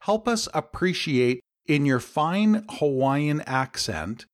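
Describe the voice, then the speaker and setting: A man's voice: on the high side, animated, takes it slowly. A man hosting a podcast interview, complimentary and encouraging toward his guest. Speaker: podcast host.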